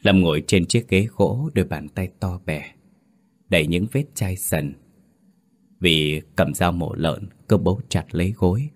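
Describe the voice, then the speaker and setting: Man, very deep voice, measured dramatic storytelling, scripted horror narration.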